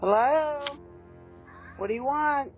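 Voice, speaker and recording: A woman's voice comes through a doorbell camera speaker, high and gravelly, calling out sharply to people at the door. The sound is dull and lo-fi, and she speaks slowly. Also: faint music behind. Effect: heard through a doorbell camera speaker. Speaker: homeowner.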